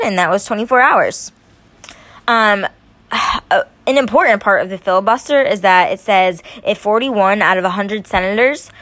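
With no echo on the recording, a young woman shares her views on politics in a casual vlog. Her voice is fairly high and fairly bright, and the more heated she gets, the more emphatic she becomes and the more she trips over her words.

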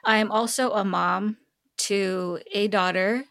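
A middle-aged woman from Seoul, South Korea, a technology executive appearing as a podcast guest, talks conversationally and laughs often. Her mid-range voice is a bit bright, with fairly even intonation and a slow pace.

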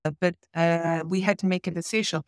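A lowish female voice, close and dry with no echo, belongs to a podcast guest who works as a change and communication manager. She is from Switzerland and southern Italy, and her first language is Italian. Her manner is explanatory and steady, with frequent "uh" pauses.

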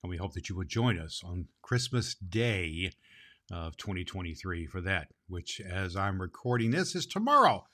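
A man's voice: low-pitched, very animated, normal speed, pushed and bright, heavily acted. A man playing a jolly old Santa Claus who hosts a children's storytelling show in a hearty, rambling manner. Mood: friendly, chatty.

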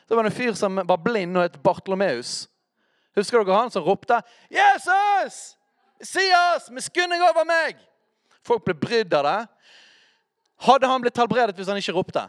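Teaching on worship, a preacher talks conversationally to his listeners and keeps checking in through brief questions. His high voice moves widely in pitch, and the sound is close and dry with no echo or room around it.

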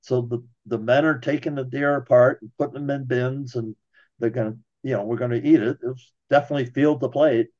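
A man's voice: medium pitch, steady tone, brisk, darkish tone, highs cut off. Folksy man telling a hunting story. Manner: folksy, addresses listeners as folks, laughs while telling. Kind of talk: casual storytelling.

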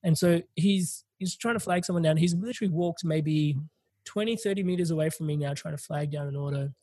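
A young man with a husky voice, telling a rambling, animated story in casual chat, swearing and laughing as he goes. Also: fairly high pitch, a little fast, no echo. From from overseas, visiting family in India.

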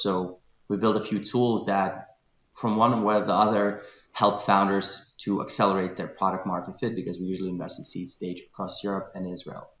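A man from Lithuania, a guest on a podcast, talking in a relaxed, thoughtful way with hesitations. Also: on the low side, reverberant, lo-fi sound. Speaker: guest, venture capital founder. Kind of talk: podcast interview.

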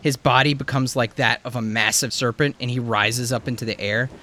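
A man with a medium-pitched voice runs a tabletop fantasy game as its game master. He moves between vivid scene narration and casual, sweary chat, with clear noise behind him. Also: fairly even intonation, a little fast, bright, forceful tone.

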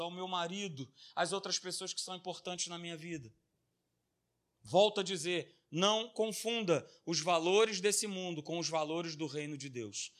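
Impassioned pastor preaching. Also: male voice, sits high, pushed and bright. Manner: impassioned, addresses the congregation as "dear ones". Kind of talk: sermon.

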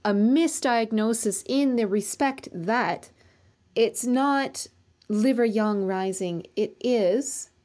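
This Colorado acupuncturist's voice sits on the high side, slow and somewhat dark in tone. As a guest in a relaxed professional exchange, she talks earnestly in long, run-on passages.

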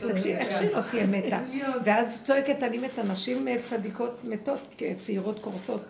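A woman teaching a spiritual lesson to a women's group, animated and acting out quoted speech. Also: medium pitch, vocal fry. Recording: echoey room with faint ambient noise.

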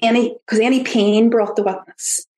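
A woman with an Irish accent, a podcast guest talking in an earnest, halting way with frequent restarts. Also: a little high, steady tone, a little mellow. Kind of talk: reflective interview talk. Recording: roomy echo.

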